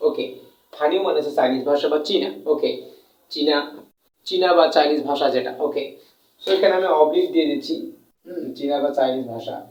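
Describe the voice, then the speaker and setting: A man's voice: a little high, brisk, long pauses, darkish tone. A man teaching a lesson, repeating points and answering his own questions, drawing out sounds to demonstrate tones. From Bangladesh. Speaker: Chinese language teacher. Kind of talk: classroom lesson in Bengali. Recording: echoey room, mic at a distance.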